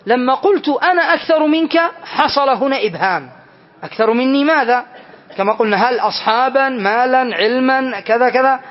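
High-pitched guy teaching a grammar class, keeps asking the students questions, dull lo-fi recording. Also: a little fast. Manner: explains step by step, asks the class questions.

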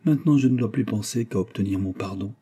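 A man's voice: lowish voice, fast talker, warm tone, breathy edge. A man reading aloud and voicing a feverish, despairing young woman who is dying, with a raised, pleading, tearful delivery. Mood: resigned.

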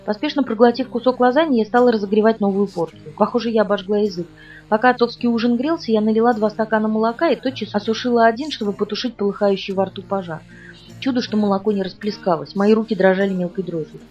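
Brisk woman audiobook narrator. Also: medium pitch, a little mellow. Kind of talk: scripted first-person audiobook narration. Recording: dull lo-fi audio from a distance, with music underneath.

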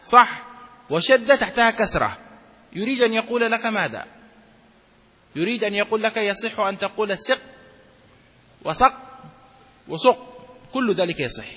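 Husky high-voiced man lecturing a class. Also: pushed and bright. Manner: reads text aloud then explains, checks students often. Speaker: sheikh teaching Islamic law. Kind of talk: classroom lecture on a fiqh text. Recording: hall reverb.

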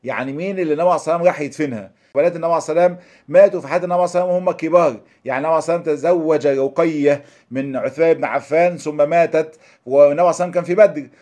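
A man's voice: a little high, dark tone. A man with an Egyptian Arabic accent giving a religious lesson, moving between formal recitation and colloquial explanation and posing rhetorical questions. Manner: rapid, thinking aloud with rhetorical questions. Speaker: preacher.

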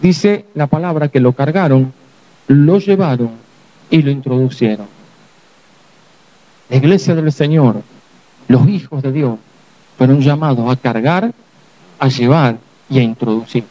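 A man's voice: medium pitch, a little slow, long pauses, dark tone, dull audio. A man with a Rioplatense Spanish accent preaching a sermon as pastor, acting out the voices of people in the story.

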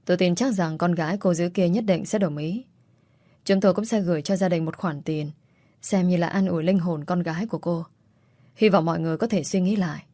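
A woman voicing an anxious husband who urges his wife to stay calm. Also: on the low side, brisk, dry recording, natural voice. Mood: urgent. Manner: urgent, coaxing.

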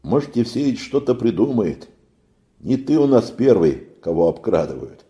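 Storybook sailor, friendly and brisk, played by a man, warm and low-toned. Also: big pitch swings, lo-fi sound. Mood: coaxing. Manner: brisk, coaxing, folksy. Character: friendly young male ship's sailor, reassuring.

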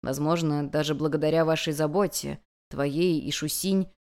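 A woman voicing an ancient male god, a weary and restrained teacher speaking softly and evenly. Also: low-pitched, pitched below the performer's own voice. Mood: weary calm. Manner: soft, even and measured.

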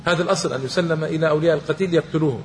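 A man's voice: a little high, very fast, darkish tone. A man giving a religious history lecture, telling stories and repeating phrases for emphasis. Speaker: Islamic lecturer. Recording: long reverb, faint background noise.

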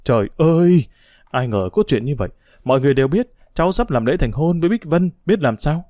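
A man's voice: on the high side, very animated, fast talker, darkish tone, dry recording. Man doing a worried older aunt, proper, anxious questioning, dry audiobook sound. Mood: alarmed.

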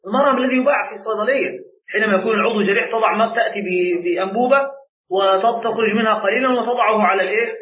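A man's voice: high voice, very fast. A man with an Egyptian accent teaching a religious law class as a sheikh, quizzing his students and repeating key words back to them. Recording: tinny phone-like sound in an echoey room.

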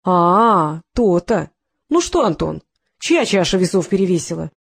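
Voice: medium pitch, very animated, unhurried, creaky, breathy edge, exaggerated voice. An audiobook reader voicing a menacing man who taunts his captive, in a sneering, mocking manner. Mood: taunting.

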